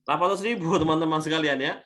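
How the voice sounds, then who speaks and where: An Indonesian leadership coach delivers a rapid-fire webinar talk over a video call. His volume swings between loud and soft, he often calls his audience friends, and he says his natural voice is thin and shrill.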